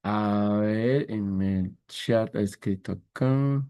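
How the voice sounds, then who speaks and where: A male teacher with a mellow, relaxed voice gives an online math lesson over a video call. He walks through each example slowly and deliberately. He keeps pausing to check that his students are following. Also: on the low side, smooth. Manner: patient, repetitive, checks understanding with "¿ya?"; slow, deliberate step-by-step counting.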